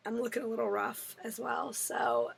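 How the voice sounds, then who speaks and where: A woman in her twenties with a hoarse, worn-out voice, chatting casually and apologetically in a rambling Q&A vlog. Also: a little high, big pitch swings, normal speed, noisy background. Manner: apologetic, rambling, self-deprecating. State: voice strained and partly gone. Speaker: fitness vlogger. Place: indoors in an apartment.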